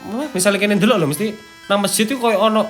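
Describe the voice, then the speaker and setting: A video host with a fairly high voice and an East Javanese accent talks at a quick pace over background music. His casual, chatty commentary mixes passages read from an article with slangy asides and plenty of interjections.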